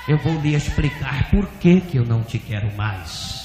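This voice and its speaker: Casual: preacher doing god's voice scolding a pastor, slow and heavy, lots of echo. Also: male voice, medium pitch, lively intonation, a little mellow, voice pushed down, lightly acted. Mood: stern. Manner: slow, solemn, emphatic rebuke. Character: stern voice of God rebuking a pastor. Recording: echoey hall, faint noise.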